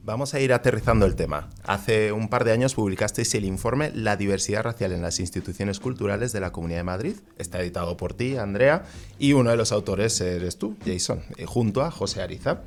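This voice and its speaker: A man's voice: lowish voice, a little fast. A man hosting a radio interview, steering the talk with his questions. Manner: guiding questions. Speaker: host.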